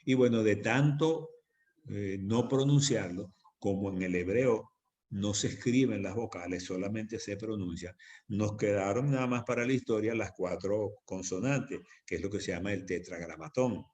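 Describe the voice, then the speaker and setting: Emphatic lower-voiced pastor teaching. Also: male voice, normal speed, darkish tone. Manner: emphatic, repeats phrases for stress. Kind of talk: sermon teaching on prayer. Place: church.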